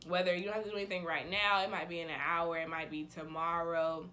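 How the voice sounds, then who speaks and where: A woman's voice: lowish voice, little pitch movement, fast talker, pushed and bright. A woman in her twenties chatting casually to camera in a bubbly, enthusiastic sorority-girl manner. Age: 20s. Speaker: vlogger, sorority member.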